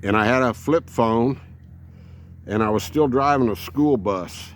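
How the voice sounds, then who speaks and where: A man's voice: medium pitch, measured pace, a little hiss or hum. A man, telling rambling folksy stories as an RV vlogger. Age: 70s. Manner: rambling, folksy, many fillers. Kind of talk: casual storytelling.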